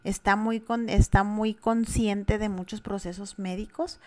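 A woman's voice: mid-range voice, fairly even intonation, measured pace, darkish tone. A woman with a Mexican Spanish accent, a mother co-hosting a casual podcast conversation, speaking candidly and earnestly with frequent fillers.

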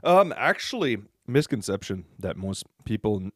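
A Canadian man talks in a loose, easygoing way on a voice chat call. His voice sits a little low and sounds dry, with no room around it. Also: sing-song, normal speed, no room sound. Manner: laid-back, swears casually, laughs often. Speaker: co-host. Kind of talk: casual chat. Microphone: voice chat headset.

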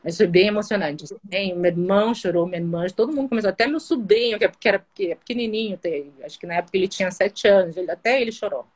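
A woman guest telling her story in a casual online conversation, in an animated way. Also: medium pitch, quick pace, hardly any pauses. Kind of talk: casual video-call conversation.

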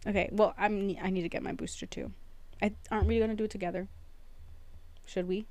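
A woman's voice: mid-range voice, fairly even intonation, quick pace, darkish tone. A young woman co-hosting a casual podcast chat, chatty and a little hesitant, with many fillers. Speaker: podcast co-host.

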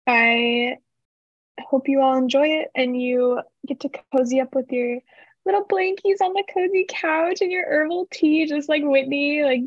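A woman's voice: high-pitched, dry recording. A young woman in her twenties co-hosting a student podcast, bubbly and spontaneous, often saying "like". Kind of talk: casual chat. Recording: dull, dry lo-fi sound.

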